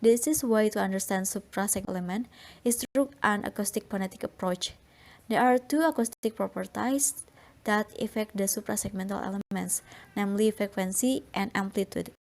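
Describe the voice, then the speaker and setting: A woman's voice: medium pitch, normal speed. Young woman reading class slides. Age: young adult. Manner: steady, explanatory reading of slides. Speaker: student presenter.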